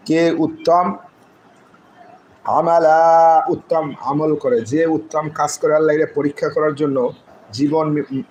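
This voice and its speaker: A man teaching Quran recitation, slowly spelling out Arabic letters and vowels syllable by syllable, then explaining them. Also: a little high, a little hiss or hum, poor audio. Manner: slow syllable-by-syllable drilling, drawn-out recited phrases.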